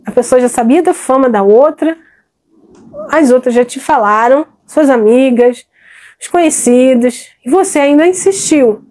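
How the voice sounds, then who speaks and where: A middle-aged woman speaks as a therapist, her voice pitched high yet mellow and warm in tone. She talks emphatically and conversationally, calling out to her listeners as if they were friends across a table. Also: unhurried. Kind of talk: direct-to-camera advice talk.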